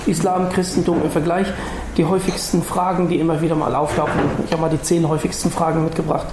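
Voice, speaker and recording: A man's voice: fairly high pitch, flat delivery, quick pace. A man from North Africa addresses an audience in an earnest, patient lecturing tone, telling his faith testimony. His voice carries around a roomy hall, with a faint hum of ambience behind him. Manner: earnest, gently explaining to an audience. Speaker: guest speaker.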